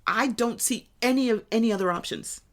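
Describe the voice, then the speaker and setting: A woman's voice: a little high, brisk. A woman in her sixties, co-hosting a podcast in casual chat, telling reflective stories in a chatty way. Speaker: podcast co-host.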